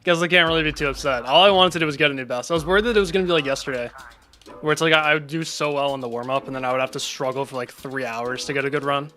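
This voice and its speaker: A man's voice: on the high side, very fast, bright, forceful tone. A man giving casual live-stream commentary while playing, chatting with his viewers between attempts. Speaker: gaming streamer.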